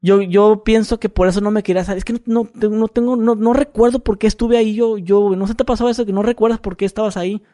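A man's voice: high-pitched, fairly even intonation, fast, hardly any pauses, mellow. A man in his thirties with a Mexican accent, telling a rambling story on a casual podcast and repeating his words. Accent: Mexican Spanish. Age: 30s. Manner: rambling, repeats words, acts out quoted voices. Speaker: podcast co-host.

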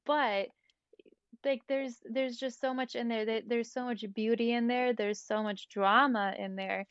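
A woman chatting casually about faith as a podcast guest, animated and rambling with many fillers. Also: a little high, unhurried, clear, resonant tone, no echo, lo-fi sound.

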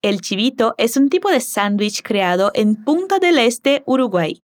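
A woman whose first language is Portuguese leads a Spanish lesson with a fairly high, very lively voice that rises and falls widely. She models each word slowly and carefully, then asks the listener to repeat after her. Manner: slow, careful modeling of words. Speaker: Spanish teacher.

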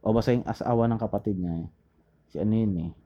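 Mellow-voiced man chatting history. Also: lowish voice, fast talker, highs cut off. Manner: rambling, searches for names, mixes English into Tagalog. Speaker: podcast co-host. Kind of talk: casual history chat.

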